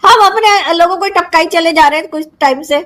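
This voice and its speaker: A woman's voice: very high-pitched, brisk, a bit bright. A woman hosting a casual political talk show, asking probing questions with a sarcastic edge.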